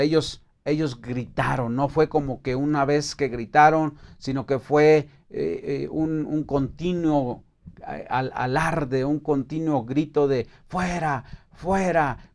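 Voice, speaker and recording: A man's voice: on the high side, darkish tone. Hesitant Mexican man teaching scripture. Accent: Mexican Spanish. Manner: hesitant, many fillers and restarts, reads scripture aloud. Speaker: Bible teacher. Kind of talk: informal Bible study teaching.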